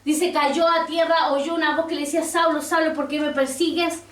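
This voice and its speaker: High-voiced woman preaching in a roomy church. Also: steady tone, moderate pace. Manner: preaching, quoting scripture, asking the congregation. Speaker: pastor. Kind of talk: sermon. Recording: roomy church sound from a distance.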